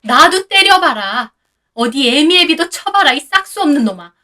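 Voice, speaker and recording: A woman's voice: high-pitched, sing-song, moderate pace, sharp tone, voice pushed up, exaggerated voice. A woman voicing a domineering older mother-in-law who scolds harshly and shrilly. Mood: furious scolding.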